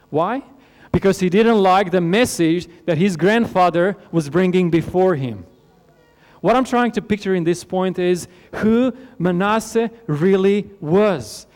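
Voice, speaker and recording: Earnest rhetorical questions fill this sermon by a pastor from Romania, whose voice drops softly and low as each phrase concludes. The audio has a lengthy hall reverb and audible mains hum.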